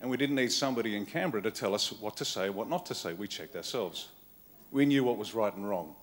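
In a conference hall before a live audience, an Australian man gives a political keynote, blunt and wry in short, punchy phrases. He speaks fast and animatedly in a fairly low voice.

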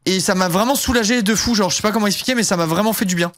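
Young male streamer, high voice, rambling casual chat, dry close sound. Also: racing, fairly bright tone, dry recording. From southern France. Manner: rambling, heavy fillers, casual swearing. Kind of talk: casual live-stream chat while gaming.

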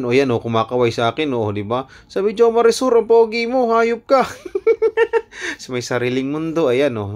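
A man narrating a casual vlog from an outdoor night carnival, filmed on a phone. He keeps up a playful, self-mocking patter and breaks into laughter often, in a voice of ordinary pitch. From Philippines. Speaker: vlogger.

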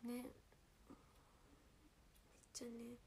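A teenage woman with a Kansai accent chatting casually with fans on a livestream, speaking softly and often whispering because of a sore, swollen throat. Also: a little high, monotone, extremely slow, gravelly, a little hiss or hum. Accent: Kansai Japanese. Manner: soft-spoken, often drops to a whisper. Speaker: idol livestream host. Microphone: phone.

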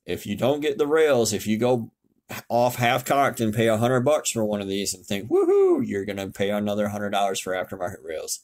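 A man's voice: on the low side, very animated, normal speed, a little mellow. A man giving a casual, blunt tutorial over a screen share, swearing now and then and correcting himself as he goes. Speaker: car tech YouTuber explaining fuel systems. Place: home, indoors.

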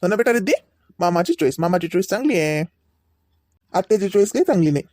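A woman's voice: lowish voice, expressive, fast, dark tone, dry recording, clean studio sound. A woman playing a caring, easygoing uncle who reassures and teases in a comedy sketch. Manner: reassuring, teasing. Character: caring middle-aged uncle, teasing and easygoing.

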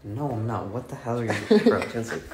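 A man's voice: medium pitch, very animated, brisk, a little mellow, reverberant, a little hiss or hum. A young man hosting a casual would-you-rather chat, joking and laughing and calling his friend bro. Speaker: vlog co-host asking questions.

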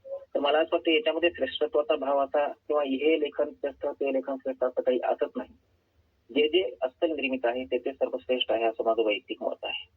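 Husky man calling in by phone. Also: medium pitch, steady tone, fairly quick. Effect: heard over a phone line. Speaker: author and poet, guest caller. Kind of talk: phone-in interview answers. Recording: tinny phone line.

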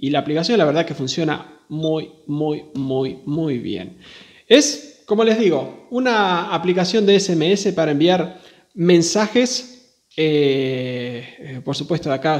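A man with a high-pitched, darkish voice hosts a video demonstrating radio gear. The demonstration is casual and hands-on, and he talks informally and directly to viewers.

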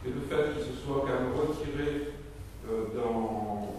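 A man's voice: mid-range voice, slow, a little mellow, a little hiss or hum. A man in the audience hesitantly asks the speaker a question, his voice ringing with a cathedral-like echo. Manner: hesitant, many fillers. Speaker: audience member asking a question. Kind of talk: question from the floor at a talk. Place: large resonant hall. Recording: very echoey hall, picked up from far off.

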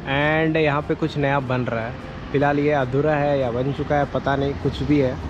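A man's voice: mid-range voice, steady tone, normal speed, muffled recording. A young man chatting casually as he rides a motorbike, mixing English words into his talk and laughing often, recorded on a helmet mic. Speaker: motovlogger. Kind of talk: casual motovlog chat while riding. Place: outdoors on a road, riding a motorbike. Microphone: helmet-mounted mic. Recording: wind and traffic noise on a road. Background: traffic and wind.

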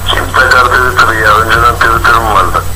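A man's voice: mid-range voice, fairly even intonation, moderate pace, heavy background noise. A man bantering and teasing in a group chat over a walkie-talkie radio. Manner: joking, teasing.

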